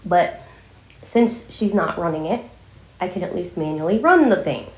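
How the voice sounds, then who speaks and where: In a noticeably echoey room, a woman chats informally to her viewers. Her voice sits a little low, with the scratchy sore throat of someone fighting a cold. She rambles along casually, letting thoughts trail off. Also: animated, moderate pace, a little mellow. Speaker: vlogger addressing viewers. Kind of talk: casual chatty vlog.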